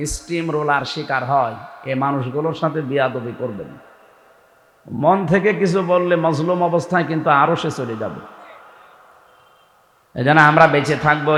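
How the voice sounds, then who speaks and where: একজন বাংলাদেশি বাংলা উচ্চারণের পুরুষ ধর্মপ্রচারক, আবেগ নিয়ে ওয়াজ করছেন এবং আয়াত উদ্ধৃত করার সময় কণ্ঠ চড়িয়ে দেন।. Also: male voice, fairly high pitch. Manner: impassioned, rising to shouts when quoting scripture. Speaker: preacher. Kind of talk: waz sermon. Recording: echoey hall with long reverb.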